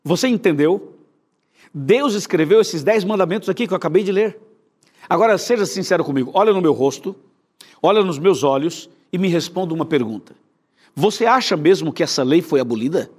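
A man's voice: high-pitched, expressive, a little fast, slightly rough. A man with a Brazilian Portuguese accent preaching a sermon as a pastor, emphatic and putting questions straight to the viewer.

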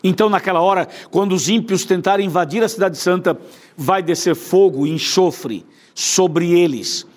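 A man's voice: high voice, normal speed. A man preaching a sermon with a Brazilian Portuguese accent, fervent and built on repetition.

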